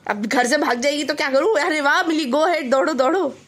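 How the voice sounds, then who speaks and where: A woman's voice: high-pitched, brisk, fairly bright tone. A young woman vlogging in casual chat, teasing and laughing often, switching between Hindi and English.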